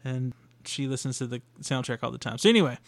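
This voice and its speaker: A young male podcaster talks fast with lively intonation at a medium pitch, and there's no echo. He rambles through a casual solo review, using fillers and restarting his sentences.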